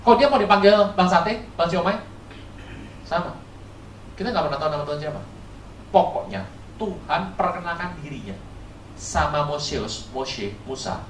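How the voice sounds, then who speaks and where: Male pastor, lively sermon, quizzes the congregation with playful stories; far from the mic in a roomy hall with faint ambience. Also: on the high side, a little hiss or hum. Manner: rhetorical questions to the audience, playful storytelling.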